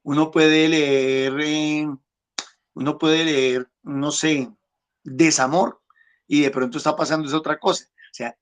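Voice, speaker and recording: A man's voice: on the high side, fairly even intonation, slow pace. A man giving a conversational, reflective homily, with frequent fillers and repeated words. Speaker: preacher.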